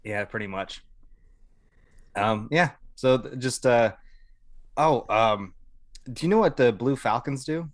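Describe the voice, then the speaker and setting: Speaking slowly and pausing often, an American man in a mid-range voice shares casual stories on a podcast. He's an Air Force veteran who talks informally, swears some, and acts out dialogue. The sound is clean studio audio with no room sound.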